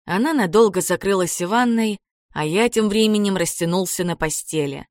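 A woman narrating an audiobook in a calm, even, scripted way. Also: medium pitch, normal speed, dry recording, studio quality.

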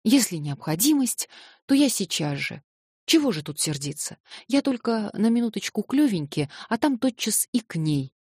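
Woman voicing a naive excitable young man. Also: medium pitch, moderate pace, slightly rough, no echo, studio quality, pitched above the performer's own voice. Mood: earnest. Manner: eager, plaintive, protesting.

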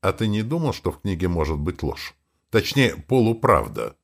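A bearded old man of an eerie forest, put on by an audiobook narrator, lecturing with blunt contempt. The voice sits low yet swings widely in pitch, often rising and swelling louder as he scolds. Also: big pitch swings, moderate pace, gravelly, exaggerated voice.

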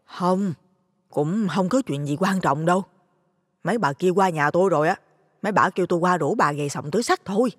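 A man playing a chatty older neighbor woman from the south, loud and friendly. The high falsetto sits far above his own voice and carries a long reverb in a dry, close recording. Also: normal speed. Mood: concerned.

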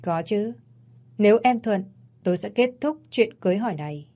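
A woman's voice: mid-range voice, expressive, moderate pace, dark tone, natural voice. A woman voicing a cold, cocky rich man in glasses, mocking and domineering, in a read-aloud story.

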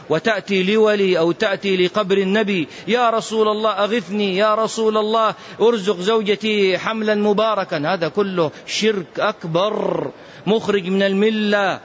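A man's voice: high-pitched, fairly bright tone, lo-fi sound, a little hiss or hum. A man giving a religious teaching commentary who speaks with impassioned emphasis and sometimes chants his recitations. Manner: impassioned, emphatic warnings addressed to the listener. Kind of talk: classroom commentary on prophetic tradition.

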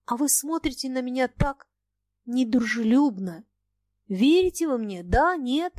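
Storybook figure: woman voicing a plaintive society lady, high voice, dry sound. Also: expressive, darkish tone, dry recording. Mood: pleading. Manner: hurried, plaintive. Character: refined lady, plaintive and anxious. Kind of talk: audiobook dialogue.

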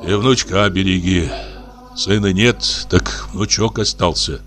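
A male reader voicing a gentle old merchant who speaks softly and tenderly in an audiobook. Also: sits low, slow, music in the background.

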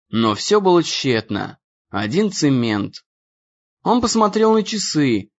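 Lively male audiobook narrator. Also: fairly high pitch, dull audio. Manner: expressive storytelling reading.

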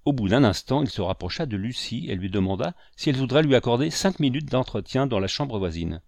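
A man reading a classic adventure novel aloud in measured, even narration. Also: medium pitch, vocal fry, no echo, studio quality. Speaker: audiobook narrator. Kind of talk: literary audiobook narration.

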